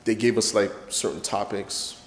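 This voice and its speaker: A man's voice: on the low side, steady tone, moderate pace, roomy sound, big-room sound, a little hiss or hum. A man from Canada, a poet and guest, talking in a reflective and hesitant way, with many fillers. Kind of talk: spoken word performance then casual interview talk.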